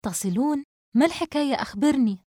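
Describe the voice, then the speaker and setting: A woman's voice: on the high side, animated, quick pace, darkish tone, no echo, pitched above the performer's own voice, lightly acted. A woman reading a novel aloud, voicing an anxious young woman in urgent, pleading tones.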